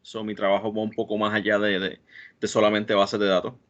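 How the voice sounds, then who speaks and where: A man's voice: fairly low pitch, flat delivery, fairly quick. A man from Rico, a database administrator giving an online technical talk, hesitant and full of fillers and restarts. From Puerto Rico. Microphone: computer mic on a video call. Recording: dull lo-fi video call audio.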